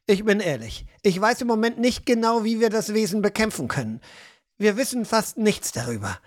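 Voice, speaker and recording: A woman reading an audiobook, voicing a burdened male guard captain in a lowered, hesitant, serious voice. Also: animated, normal speed, close to an everyday voice.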